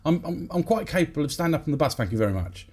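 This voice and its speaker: A man doing an indignant male dwarf, huffy and stammering, who takes offence at everything. The voice jumps well above the performer's own pitch and stays sharp and offended. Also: big pitch swings, rapid-fire, slightly rough.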